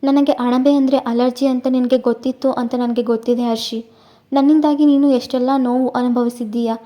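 A woman voicing a gentle, devoted young husband who pleads softly and apologetically in an audio story. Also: sits high, fairly even intonation, normal speed, lightly acted. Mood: remorseful.

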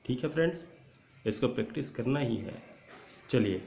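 A male spoken English teacher, drilling letter sounds aloud and urging viewers to repeat them loudly. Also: medium pitch, lively intonation, normal speed, gravelly. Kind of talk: online English pronunciation lesson. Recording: echoey room with faint ambient noise.

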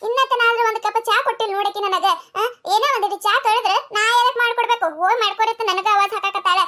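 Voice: very high voice, steady tone, very fast, sharp tone. A performer voicing a scolding older village mother-in-law in a cartoon, with a North Karnataka Kannada accent. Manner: nagging, scolding. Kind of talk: cartoon comedy voice acting.

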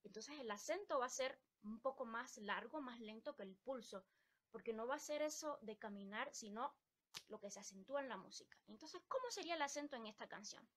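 A woman's voice: a little high, lively intonation, a little fast, fairly bright tone. A woman from Ecuador teaching a live-stream music lesson, explaining patiently and singing rhythm syllables to show the beat.

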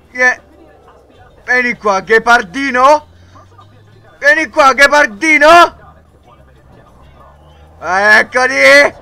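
A young man with a very high, bright voice talks through a video game at an unhurried pace. He murmurs quietly between moments, then bursts into panicked yells and shouts when things go wrong. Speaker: gaming YouTuber. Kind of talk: excitable gameplay commentary.

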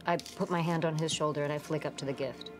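A woman's voice: sits low, fairly even intonation, quick pace, music in the background. A middle-aged woman talking casually as a player in a tabletop role-playing game, in a studio. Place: indoor studio set dressed as a tavern.

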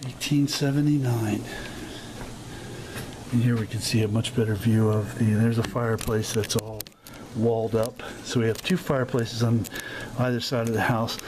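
Amateur host, man, mid pitch, unscripted walk-and-talk outdoors on a camera mic, steady insect noise. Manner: halting, many fillers and self-corrections. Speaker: video host touring a historic site. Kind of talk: unscripted walking tour narration. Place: outdoors at a historic house, open grounds.

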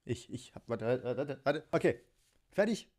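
Speaking at a moderate pace, this man has a medium-pitched voice with lively intonation, a little mellow and slightly rough. He's a toy unboxing vlogger putting a set together at a home tabletop filmed from overhead. He keeps it casual, giggles often and pokes fun at himself.

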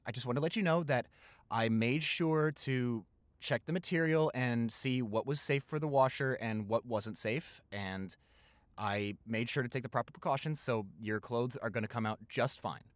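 A young adult American man with a mid-range voice, speaking at a moderate pace, plays a playful, caring college-age boyfriend in improvised roleplay audio. Lightly acted with no echo, he teases and reassures, stammering hesitantly.

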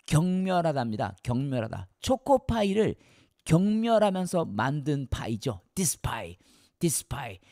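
A man's voice: on the high side, a little mellow, no room sound, clean studio sound. A man teaching English vocabulary in a playful way, acting out little scenes to explain the words.

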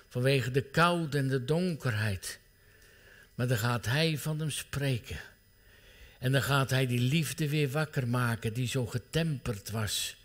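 A middle-aged male pastor preaching an earnest sermon, his voice dropping to a hushed near-whisper at tender moments. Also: mid-range voice.

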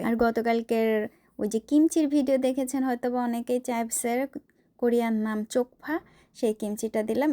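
A woman's voice: fairly high pitch, darkish tone. A middle-aged woman from Bangladesh chatting casually as she cooks in her home kitchen, rambling and talking straight to her viewers. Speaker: cooking vlogger. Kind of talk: casual cooking vlog narration.

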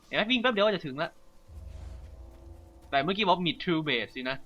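A man giving casual, playful let's-play commentary, chatting and reacting excitably while he plays. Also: high-pitched, moderate pace, dull audio. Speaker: gaming channel host.

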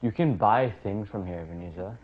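A man's voice: fairly low pitch, normal speed, darkish tone. A young man chatting casually while gaming, teasing his friend and rambling with lots of fillers. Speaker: gamer. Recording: lo-fi voice chat with faint noise.

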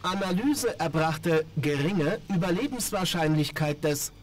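A man's voice: on the high side, lively intonation, a little slow, background noise. A man voicing a malfunctioning male combat robot that keeps reporting system errors in clipped, toneless machine reports, in a video game. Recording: distant game audio with music.

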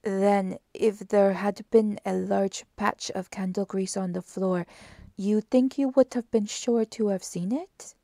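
A woman voicing a fussy, precise older male Belgian detective who asks slow, emphatic questions in a storybook reading. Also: mid-range voice, fairly even intonation, dark tone, no echo. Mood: probing. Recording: dry close audiobook recording.

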